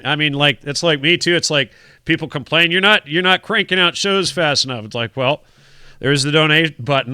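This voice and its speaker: A man hosts a talk show in loose, casual chat, rambling and doubling back on his words. His voice is very bright and smooth, recorded close and dry on a studio mic with no room sound. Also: fairly high pitch, no echo. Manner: rambling, repeats words while pleading for donations. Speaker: podcast host.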